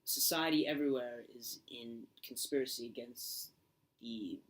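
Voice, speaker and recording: A young man playing an earnest old male philosopher in an amateur school skit, talking haltingly with many ums while reciting his lines. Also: medium pitch, fairly bright tone, close to an everyday voice, low-quality recording.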